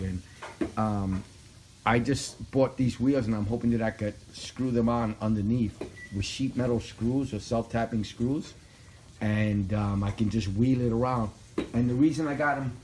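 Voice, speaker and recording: A man's voice: medium pitch, darkish tone, a little hiss or hum, rough recording. Chatty man explaining a DIY job. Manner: chatty, explains step by step with fillers. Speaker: home video maker. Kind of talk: casual unboxing and DIY talk. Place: living room at home. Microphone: handheld phone camera.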